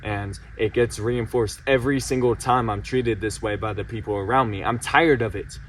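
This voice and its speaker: A vlogger in his late teens, about to turn eighteen, vents his frustration to the camera in a heated, insistent way, repeating himself as he goes. His voice is on the low side, steady and at a normal speed. He's far from the mic, and there's a little hiss or hum.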